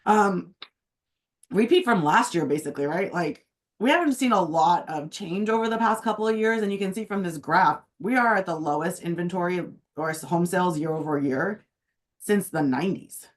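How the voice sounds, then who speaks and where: A woman real estate agent with a hoarse, phlegmy voice, chatting casually about the housing market. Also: fairly low pitch. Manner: chatty, uses many fillers. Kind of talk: casual market update chat. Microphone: video call.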